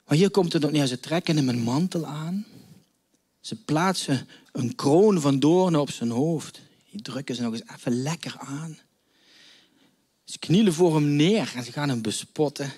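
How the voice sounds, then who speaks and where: A man preaching a sermon to a congregation, dramatic, swinging between loud outbursts and hushed near-whispers. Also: fairly high pitch, moderate pace, slightly rough. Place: church before a congregation.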